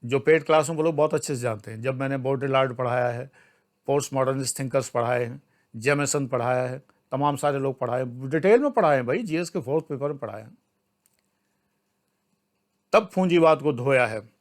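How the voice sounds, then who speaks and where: An older man from India teaching an online exam-prep class, lecturing emphatically and scolding, with loud outbursts and low asides. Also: brisk. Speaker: civil services exam teacher.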